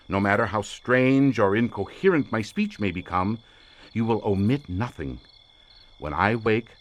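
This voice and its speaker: A man with a lowish, near-everyday voice plays an obsessed occult researcher in a dramatic audio drama. His swooping delivery is grandiloquent, formal and theatrical, portraying the character as intense, imperious and fervent.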